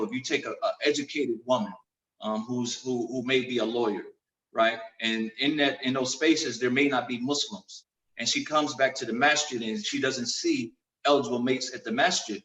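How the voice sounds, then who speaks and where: A man speaking as an imam on a panel over a video call, measured and pausing often with fillers. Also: medium pitch, fairly bright tone. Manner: measured, with frequent pauses and fillers. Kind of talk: panel discussion. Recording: roomy video call audio from far off the mic.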